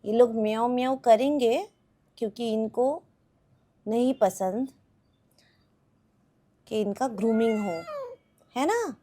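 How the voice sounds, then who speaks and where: A woman's voice: fairly high pitch, takes it slowly, long pauses, warm tone. A young woman vlogging at home, cooing at her cats and playfully scolding them while chatting to viewers. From India. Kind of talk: casual vlog talk to pet cats and viewers.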